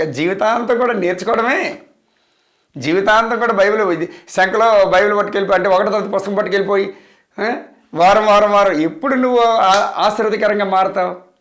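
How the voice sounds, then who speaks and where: A pastor preaching with a fairly high voice. He drives each point home by repeating it and asking question after question. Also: a bit bright. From India. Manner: emphatic, repetitive preaching with rhetorical questions. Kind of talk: sermon.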